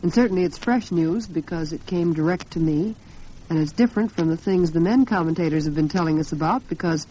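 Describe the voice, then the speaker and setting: Heard on a muffled, noisy 1940s radio broadcast, this American host talks conversationally straight to her audience from a radio studio. She has a lowish, mellow voice and speaks a little fast.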